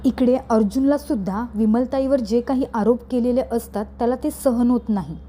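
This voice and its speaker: A woman tells a serial's story in a steady, scripted recap. Her voice is a little high and mellow, with a warm, relaxed tone. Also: normal speed, a little hiss or hum. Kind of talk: scripted narration.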